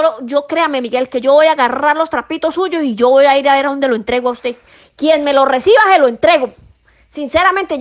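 Woman as fed-up coastal mom, very high voice, nagging and swearing, comedy sketch. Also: natural voice. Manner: nagging, scolding, cursing. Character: exasperated scolding mother of a grown son. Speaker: sketch actor.

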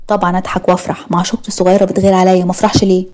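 A woman voicing a devoted young husband in an audio story, speaking softly and reassuringly with an Egyptian accent. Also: on the low side, flat delivery, very fast, close to an everyday voice. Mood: tender. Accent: Egyptian Arabic.

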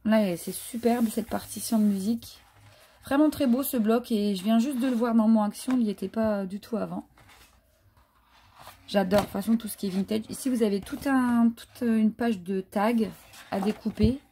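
A woman's voice: a little high, moderate pace, mellow, slight background noise. A woman chatting casually through a craft haul, hesitant and full of fillers. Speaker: craft vlogger. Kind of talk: casual haul show-and-tell.

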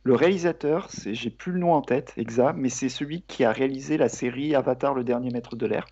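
A man's voice: mid-range voice, warm tone. A man joins a loose film discussion, stopping and restarting his sentences as he goes. His voice comes through slightly muffled, as over an online call. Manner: halting, piles up fillers. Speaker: podcast guest. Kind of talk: casual film podcast chat.

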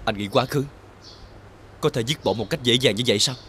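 A man's voice: medium pitch, a little fast, fairly bright tone, slight background noise, natural voice. A young man acting as a bitter brother who talks in a cold, resentful tone in a TV drama.

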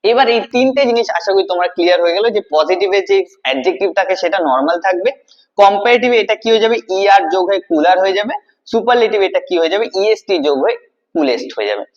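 High-voiced man teaching, dull lo-fi audio. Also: animated, fast. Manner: asks questions then answers them, repeats key words. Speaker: English grammar teacher. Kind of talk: classroom-style video lesson.

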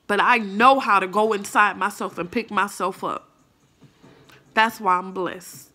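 Bright-voiced profane woman ranting. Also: medium pitch, fairly even intonation, unhurried. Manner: blunt, profane, defiant. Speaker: mother ranting to camera. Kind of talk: angry monologue vlog.

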